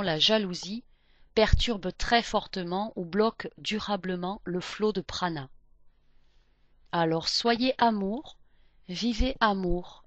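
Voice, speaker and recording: Slow, measured woman narrating guided meditation. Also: medium pitch, no room sound. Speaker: spiritual teacher and guided-exercise narrator.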